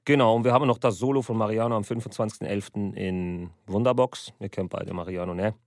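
A man hosting a casual comedy podcast, chatty and quick to laugh. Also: on the low side, a little mellow, dry recording, clean studio sound. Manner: laughs often, loose and chatty. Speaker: podcast host. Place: indoor studio room.

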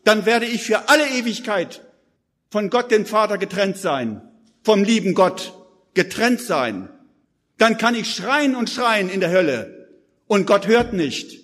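A man with a high voice preaches urgently to a gathered crowd, pressing each point with emphasis. His words ring out with a long hall reverb behind them. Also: animated, a little slow, a bit bright. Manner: urgent, emphatic, addresses listeners directly. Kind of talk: live sermon. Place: church hall with audience.

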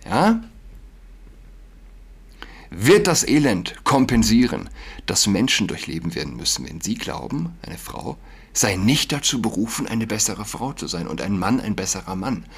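Ranting man, lowish husky voice, moody whisper-to-shout delivery. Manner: swings between hushed whispers and loud outbursts; ranting, indignant. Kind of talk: agitated monologue.

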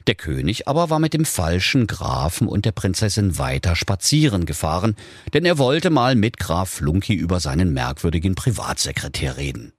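Guy telling a funny fairy tale, lowish voice, swings up and down a lot. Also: no room sound, clean studio sound. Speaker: storyteller. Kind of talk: comic fairy-tale reading.

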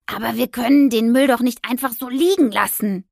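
A hot-tempered young witch from an audio storybook speaks brash and self-righteous, her voice pitched above the narration, as a woman reader acts her out. A husky, grainy tone, close and dry. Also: moderate pace, no room sound. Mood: dejected. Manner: indignant, brash, shouting at passers-by.

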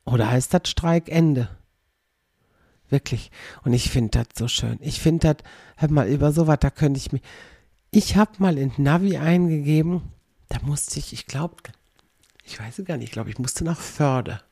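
A man with a slightly high, gravelly and husky voice rambles through a casual podcast monologue. He is wry and keeps imitating other people's pronunciations. The recording is dry and close. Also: normal speed, warm tone, no echo. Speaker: podcast host.

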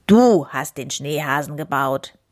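A woman's voice: low voice, expressive, measured pace, voice pushed down. A woman voicing a grumpy, grouchy big male bear who grumbles and growls in a storybook read-aloud. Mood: grumbling.

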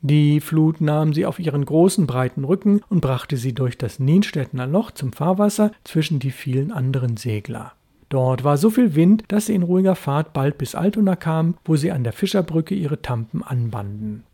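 A man reading a classic story aloud in a measured, storytelling manner. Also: a little high, expressive, dark tone, slightly rough. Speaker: reader. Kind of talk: literary reading.

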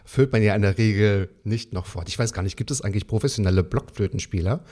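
A man's voice: lowish voice, quick pace, darkish tone. A man hosting a podcast interview in a chatty, enthusiastic, casual way.

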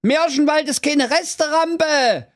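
A man voicing an angry crowd of fairy-tale common folk shouting protest chants. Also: very high voice, slow, pitched above the performer's own voice, exaggerated voice.

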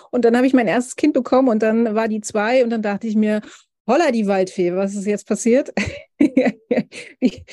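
A woman in her thirties, a family counselor, talking in a casual podcast conversation, thoughtful and halting with many restarts. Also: a little high, dark tone, dry recording, studio quality.

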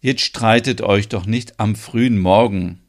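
A man's voice: lowish voice, unhurried. Finn, an easygoing young baker, read by a man. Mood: friendly. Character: friendly young baker, eager to please.

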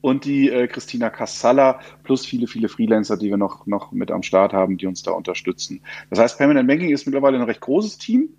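A man's voice: medium pitch, lively intonation, fast, few pauses, darkish tone, no echo. A man talking in a casual podcast conversation, explaining with frequent fillers. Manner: gravelly, hesitant with fillers. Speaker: podcast guest, co-host of finance podcast. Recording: dry and dull, lo-fi.

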